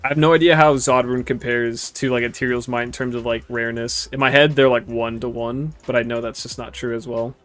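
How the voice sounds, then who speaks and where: A man in his twenties giving relaxed, rambling gameplay commentary and chatting with viewers, swearing casually. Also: medium pitch, a little fast, few pauses, soft background music. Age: 20s. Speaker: gaming streamer.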